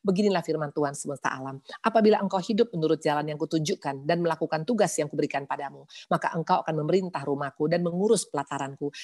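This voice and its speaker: A woman's voice: deep voice, darkish tone. A middle-aged woman preaching to a women's gathering with personal testimony. She talks in an emotional, pleading way, calls listeners "sister" and drops English words into her talk. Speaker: women's prayer-fast speaker.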